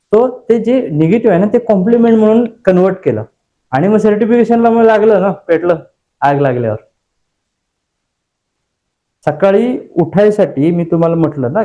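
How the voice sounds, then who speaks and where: A man leading a motivational class session, his voice pitched high but mellow in tone. He talks emphatically and drives his points home with rhetorical questions to the room. He weaves in personal stories, acting out his own inner voice as he goes. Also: dull audio. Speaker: course trainer.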